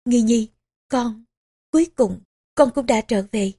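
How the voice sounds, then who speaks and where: A woman reading the lines of a frail, dying elderly mother in a historical audiobook, with weak, trembling, halting speech. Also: fairly high pitch, dark tone, breathy edge, no room sound, clean studio sound. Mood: tender, faint.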